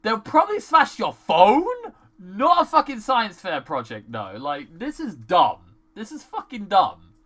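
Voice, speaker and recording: A reviewer talks through a horror film in a casual vlog, exasperated and swearing freely, with plenty of "like" fillers. The voice is bright and lively, and the pitch swings widely as the rant builds. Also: a little slow. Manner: ranting, exasperated, swears often; many "like" fillers. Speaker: movie reviewer.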